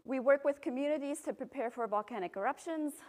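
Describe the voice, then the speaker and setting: A woman's voice: sits high, fast talker. Woman giving a public science lecture. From Belgium. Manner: relaxed, explanatory, with frequent ums. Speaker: volcanologist giving a public talk. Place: university lecture room. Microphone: podium microphone, filmed from a far camera.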